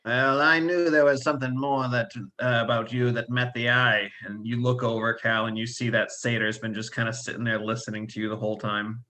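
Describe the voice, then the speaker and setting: A man narrating a tabletop game as dungeon master in a relaxed, casual way. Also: mid-range voice, brisk, few pauses.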